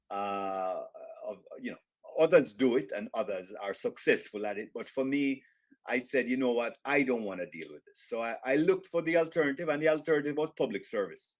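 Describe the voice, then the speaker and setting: Speaking as an interview guest, this middle-aged Jamaican-accented author has a mid-range voice. He responds thoughtfully and deliberately, frequently stopping with fillers or starting his phrases over.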